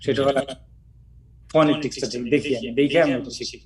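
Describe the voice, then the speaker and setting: A man's voice: medium pitch, fairly even intonation, moderate pace, recorded from a distance, rough recording. A man from Bangladesh teaching pronunciation in casual talk, modeling English words and explaining where to put the stress. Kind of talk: informal teaching chat.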